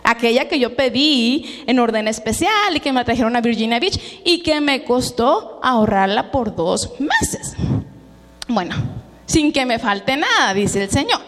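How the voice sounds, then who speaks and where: A woman's voice: fairly high pitch, animated, a little slow, fairly bright tone, soft background music. A middle-aged Mexican woman giving a personal testimony sermon, telling it with emotion and mixing in English words. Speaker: preacher. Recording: long hall reverb.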